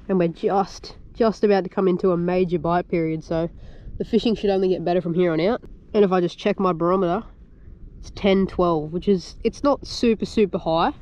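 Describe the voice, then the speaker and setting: An Australian man talks to camera while he fishes outdoors by a sand flat. He is chatty and upbeat in a casual way, and he walks through his knots, leader and tactics like a friendly guide. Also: high voice, lo-fi sound. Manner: upbeat and chatty, explains tackle and tips as he goes. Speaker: fishing vlogger. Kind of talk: casual to-camera fishing commentary.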